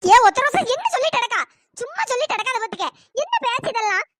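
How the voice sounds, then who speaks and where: Squeaky sped-up sounding cartoon village auntie, village talk, grumbles and scolds, bright and dry. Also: a little fast, no room sound. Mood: alarmed, scolding. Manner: grumbling, scolding, talks to herself. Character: grumbling village woman, Chellathayakka, fussy, bossy neighbor. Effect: pitch-shifted up. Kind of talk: cartoon voice acting.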